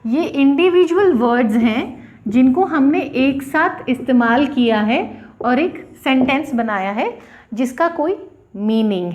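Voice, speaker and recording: Slow, lively-pitched woman teaching English. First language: Hindi. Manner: slow, deliberate, spells out letters and syllables. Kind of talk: bilingual classroom explanation.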